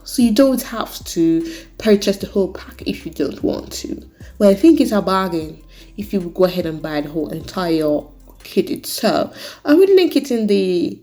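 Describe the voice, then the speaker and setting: A woman gives a casual tutorial voice-over in a softly mellow voice at an average pitch. She puts on a British accent and switches clumsily, sliding into American here and there. Faint music plays behind her. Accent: put-on British, slipping into American. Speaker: nail tutorial host.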